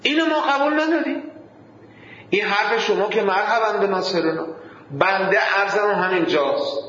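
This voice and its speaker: A man with a high voice preaches a sermon and tells its stories along the way. He lingers on key words and stretches them out, and he recites Arabic verses. His voice booms with heavy echo through a large hall, and the sound is muffled. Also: fairly bright tone. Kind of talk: sermon with storytelling.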